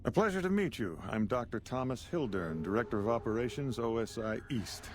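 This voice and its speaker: A man's voice: mid-range voice, lively intonation, fairly quick, natural voice. Man acting a pompous, condescending scientist, noisy background. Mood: smug. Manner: condescending, talks down to the listener; pompous, formal, rhetorical diction. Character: pompous, condescending male scientist, director of operations. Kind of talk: video game character dialogue. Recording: noisy game audio with background ambience.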